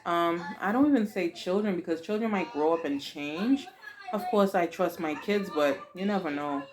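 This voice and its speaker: A woman in her forties with a Haitian accent, answering her daughter's questions in casual, expressive chat full of dramatic exclamations. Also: on the low side, normal speed. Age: 40s.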